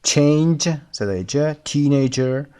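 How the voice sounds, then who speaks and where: Man teaching English in Persian, slowly. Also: a little high, warm tone, clean tone. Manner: explains in Persian, reads English instructions slowly. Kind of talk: recorded textbook lesson.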